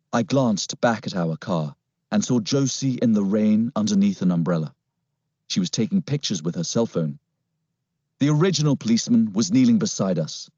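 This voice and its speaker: Male narrator, low, husky, very animated first-person storybook read, dry lo-fi recording. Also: no echo. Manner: expressive, dramatic reading. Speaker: audiobook narrator. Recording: slightly muffled, dry.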